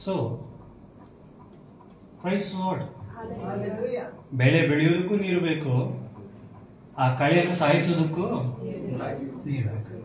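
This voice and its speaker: A man's voice: fairly high pitch, slow, pauses often, heavy reverb, recorded from a distance, slight background noise, rough recording. A male pastor preaching a sermon, asking his congregation questions and answering them himself. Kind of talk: bilingual sermon.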